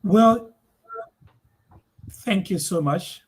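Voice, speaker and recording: A middle-aged Liberian man answering interview questions slowly, pausing often with "uh". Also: sits high, husky. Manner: slow, measured, with many "uh" pauses. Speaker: guest, community leader.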